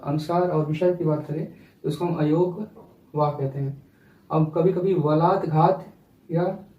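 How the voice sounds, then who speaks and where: A man's voice: a little high, mellow, lo-fi sound. A man teaching a grammar lesson for exam preparation, explaining step by step and calling his viewers friends. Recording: echoey room, mic at a distance.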